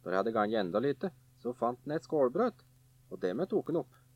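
Guy telling an old folk tale, lively voice, husky, dull dry recording. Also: medium pitch, no echo. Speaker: storyteller.

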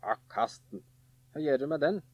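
A man's voice: medium pitch, animated, slightly rough, no echo, muffled recording. A man voicing two scornful older brothers in a folk tale who scoff at their younger brother. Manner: dismissive, scoffing.

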